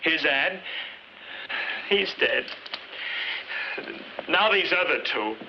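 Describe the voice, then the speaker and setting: A man's voice: fairly high pitch, animated, drawn-out words, vocal fry, full character voice. An actor playing a flustered, indignant innocent husband under police questioning, a man in 1950s screwball comedy banter. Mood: rueful. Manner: earnest, exasperated, protesting. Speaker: murder suspect. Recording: dull, noisy 1950s film soundtrack.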